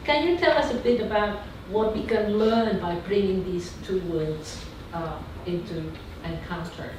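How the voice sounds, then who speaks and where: A woman's voice: medium pitch, a little slow. A woman moderating a panel discussion, asking questions with many hesitant fillers. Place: lecture room. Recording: very echoey room, distant mic, noise.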